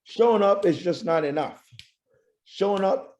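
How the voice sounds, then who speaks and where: A man's voice: high-pitched, expressive, a little slow, darkish tone, lo-fi sound. A man co-hosting a casual podcast chat, teasing his friend with laughter and repeated phrases. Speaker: podcast co-host.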